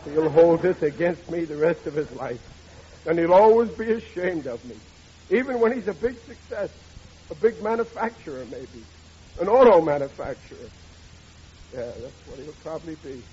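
An actor performs a woeful, melodramatic middle-aged working-class father in the style of 1940s radio comedy, whining in ungrammatical speech and wallowing in gloomy self-pity. His voice is somewhat high, husky and warm, animated at a normal speed. The old radio recording sounds dull and noisy.

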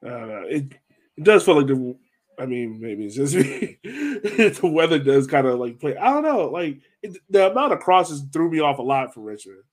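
A male soccer podcast host chats casually after a match, thinking out loud in an informal way. His voice sits on the high side with a sing-song lilt, at a normal speed.

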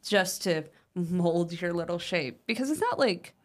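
On a paranormal podcast, a female co-host with a lowish voice speaks a little slowly, chatting casually and reading a listener's letter aloud with lively emphasis. Fillers like "like" and "um" pop up throughout.

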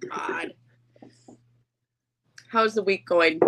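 A woman's voice: fairly low pitch, steady tone, measured pace, background noise. A woman co-hosting a podcast in casual chat, talking in an informal, chatty, self-deprecating way. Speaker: podcast co-host.

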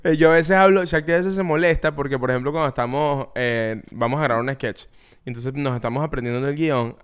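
A man's voice: mid-range voice, brisk, clean tone. A man with a Venezuelan accent, co-hosting a casual podcast chat and acting out quoted lines as he tells stories. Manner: animated storytelling, acts out quotes. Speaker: podcast co-host.

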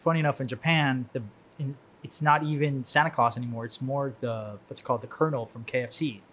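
A man's voice: mid-range voice, fairly even intonation, fast, a bit bright. Chatty man from Cuba telling stories. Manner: laughs often, tells stories with many restarts. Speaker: guest. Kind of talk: casual chat.

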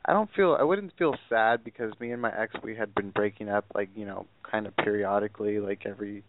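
A man's voice: on the low side, brisk, a little hiss or hum. A man in his twenties from Southern California, calling in over a phone line. He talks hesitantly and rambles, with many fillers. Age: 20s. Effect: heard over a phone line. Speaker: caller. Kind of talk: call-in advice conversation. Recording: tinny phone line, faint and distant.

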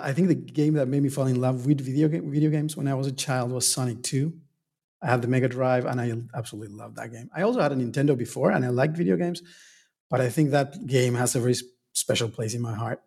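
A man from Argentina in his thirties talks as an interview guest, pausing often and restarting his sentences. His voice is husky, at an average pitch for a man. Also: a little mellow. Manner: hesitant, many fillers and restarts, laughs often. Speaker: guest, game studies scholar. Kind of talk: casual interview answers.

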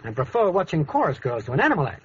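An actor playing a lazy, smooth-talking cheapskate boyfriend who wisecracks in slang, in a 1940s radio comedy. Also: male voice, on the high side, wildly swooping pitch, very fast, full character voice. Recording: muffled old radio broadcast.

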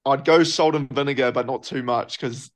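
A man's voice: mid-range voice, fairly even intonation, moderate pace. A young man with a New Zealand accent, a professional rugby player answering interview questions in a loose, laid-back way. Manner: laid-back, loose, lots of filler phrases.

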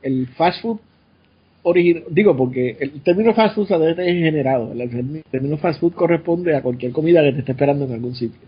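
A Puerto Rican man muses and explains at length in casual chat. His somewhat high voice is husky, and the recording sounds dull and lo-fi. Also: fast talker. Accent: Puerto Rican Spanish. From Puerto Rico. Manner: musing, explanatory.

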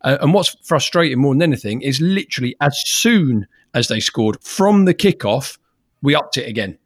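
A man's voice: medium pitch, lively intonation, moderate pace, no room sound, studio quality. A man on a fan podcast talking football in a casual, thoughtful way, often restarting his sentences. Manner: thoughtful, repeats words when starting. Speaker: podcast co-host.

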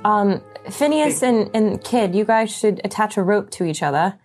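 A woman's voice: medium pitch, expressive, normal speed, a little mellow, faint music behind. Eager woman player taking the lead. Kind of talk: playing a tabletop game in character.

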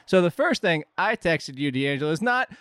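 A man's voice: a little high, big pitch swings, moderate pace, pushed and bright, slight background noise. A man hosting a casual sports talk show, walking viewers through an incident with energy.

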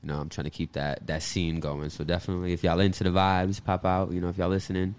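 A man's voice: sits low, level tone, fast, smooth. A man chatting casually as a podcast guest, rambling in a laid-back, slangy way. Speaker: podcast guest, event promoter. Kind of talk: casual chat.

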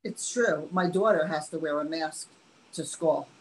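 A woman talks casually as an interview guest. Her voice sits a little low in pitch. There is faint noise behind her in the recording. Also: unhurried, poor audio. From New York, United States. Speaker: podcast guest, miniaturist. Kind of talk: casual chat. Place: home studio.

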